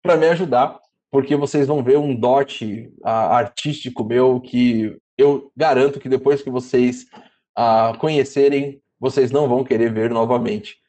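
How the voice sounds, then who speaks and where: A man teaching a casual lesson, chatty and spelling out syllables slowly. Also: mid-range voice, steady tone, warm tone. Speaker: Greek teacher.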